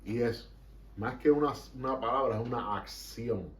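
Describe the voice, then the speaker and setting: Preaching with fervor to a congregation, this Puerto Rican-accented pastor mixes English into his Spanish and hammers his points home. He has a mid-range voice and a moderate pace. Recorded from afar in a reverberant room, with slight background noise.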